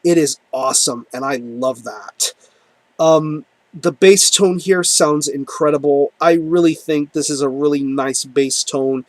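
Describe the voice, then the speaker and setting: A man's voice: fairly high pitch, no room sound. A man reviewing an album in a casual, enthusiastic monologue, full of ums and repeated words. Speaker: music reviewer.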